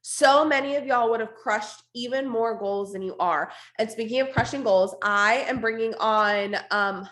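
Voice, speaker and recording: Hoarse, strained woman giving a pep talk. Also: on the high side, normal speed, few pauses, a bit bright. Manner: informal, emphatic, repeats for stress, blunt. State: hoarse, losing her voice, coughing now and then. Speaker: network marketing team leader hosting an online meeting. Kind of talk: unscripted motivational team talk. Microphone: video call.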